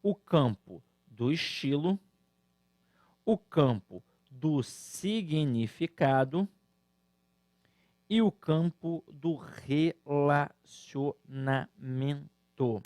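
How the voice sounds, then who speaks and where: Lively Brazilian teacher, higher voice. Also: male voice, very slow, no room sound. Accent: Brazilian Portuguese. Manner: lively, emphatic, addresses students directly. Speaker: Portuguese-language teacher. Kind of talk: recorded online exam-prep lecture.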